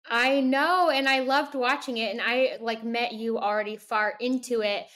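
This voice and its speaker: A woman's voice: on the high side, fairly even intonation, moderate pace, a bit bright. A woman hosting a podcast, talking enthusiastically and reflecting back on her guest's story. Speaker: podcast host. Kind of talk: casual interview chat.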